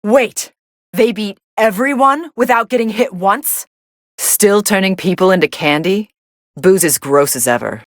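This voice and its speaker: A woman playing a cool, sardonic young female android who commentates on fights in a video game, deadpan, dry and aloof. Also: mid-range voice, a little slow, no room sound, natural voice. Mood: surprised, then scornful, irritated.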